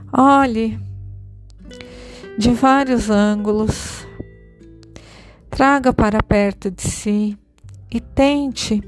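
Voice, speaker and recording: A woman guiding a meditation in a slow, soothing, gentle way. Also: on the high side. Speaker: meditation guide. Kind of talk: guided meditation. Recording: soft music behind.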